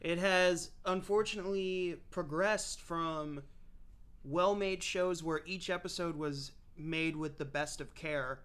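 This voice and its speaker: Bright-voiced young man, eager. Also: on the high side, slow, clean tone. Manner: enthusiastic, nostalgic, says "dude". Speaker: podcast co-host. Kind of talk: casual chat.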